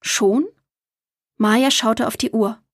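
A woman narrating a children's audiobook with lively storytelling. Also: a little high, normal speed, slightly rough, no echo, studio quality.

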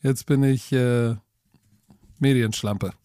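A middle-aged German man, a guest on a podcast, recounts his career in a loose, self-deprecating tone. His pitch sits in the middle range, and the close mic keeps his voice dry with no room sound. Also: slow pace, clean tone, no echo. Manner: relaxed storytelling, self-deprecating. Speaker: guest, football coach and TV expert. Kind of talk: casual interview talk.

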